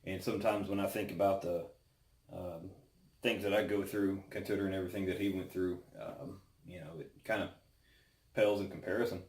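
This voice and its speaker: Very low-voiced man, halting devotional talk. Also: fairly even intonation. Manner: halting, pausing often mid-sentence. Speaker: devotional host. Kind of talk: casual devotional talk with Bible reading. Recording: roomy, echoing sound.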